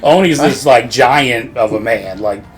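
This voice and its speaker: A man's voice: medium pitch, measured pace, soft background music. Brief: male podcast co-host, rambling and profane, laughs a lot. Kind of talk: casual game recap chat.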